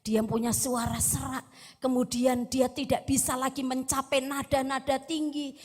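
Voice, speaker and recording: High-voiced Indonesian woman preaching in a hall. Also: level tone, moderate pace. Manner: earnest, addresses congregation directly. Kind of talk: sermon. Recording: long hall reverb.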